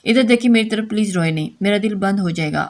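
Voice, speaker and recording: A woman's voice: medium pitch, fast, natural voice. A woman voicing a devoted young woman in love who pouts and pleads, in an audio novel reading. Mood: worried.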